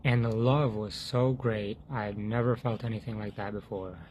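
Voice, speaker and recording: A man giving an earnest, halting personal testimony about faith, often restarting his sentences and sinking to a hush when he quotes his prayers. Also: lowish voice, fairly even intonation, highs cut off, slight background noise. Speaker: faith vlogger sharing a testimony.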